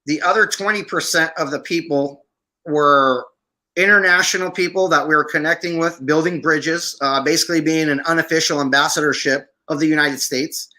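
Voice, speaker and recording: A man from Syria, a guest on a podcast interview, telling stories in an animated way. His voice sits high and sounds bright and forceful, and he acts out what people said. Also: moderate pace. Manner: animated, acts out quoted speech. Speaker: podcast guest, veteran filmmaker. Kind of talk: interview storytelling.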